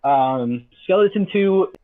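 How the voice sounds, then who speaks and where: A man's voice: high-pitched, animated, takes it slowly. A man running a tabletop game as game master, hesitant and correcting himself, his voice cutting in and out over a call. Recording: tinny phone-like call audio.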